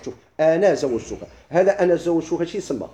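A middle-aged man with a Moroccan accent, teaching a classroom lesson. He keeps asking his listeners quick questions and then answers them himself. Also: on the high side, lively intonation, dark tone, reverberant. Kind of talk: classroom lesson explaining legal theory.

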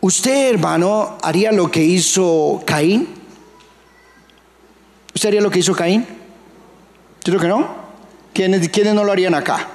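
Colombian pastor, male, high gravelly voice, emphatic sermon, long church-hall reverb. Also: unhurried, pauses often, a little mellow. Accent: Colombian Spanish. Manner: emphatic, rhetorical questions to the congregation.

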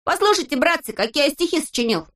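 A woman voicing a boastful, carefree little male character in a children's storybook, in a high childish voice that stays cheerful and unbothered. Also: animated, quick pace, fairly bright tone.

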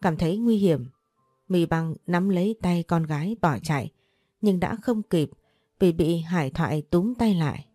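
A woman narrating a scripted audio story with a steady, dramatic delivery. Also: fairly low pitch, measured pace, no room sound, soft background music.

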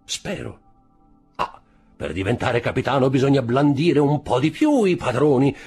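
A man's voice: mid-range voice, animated, normal speed, a little mellow, husky, faint music behind, pitched above the performer's own voice. A man reading an audiobook, voicing an earnest, hopeful young sailor who speaks eagerly and respectfully.

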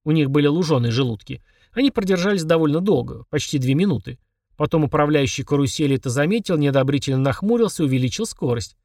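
A man narrating an audiobook with a somewhat high voice. His reading is lively, and he pitches up for the characters. The sound is dry and close, with no room around it. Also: fast, no room sound, distant mic. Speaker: audiobook reader. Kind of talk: scripted narration.

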